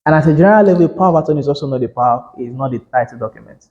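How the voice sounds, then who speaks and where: A man's voice: on the high side, very fast, darkish tone, highs cut off. Man lecturing realtors. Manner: conversational, self-correcting, emphatic. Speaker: real estate instructor.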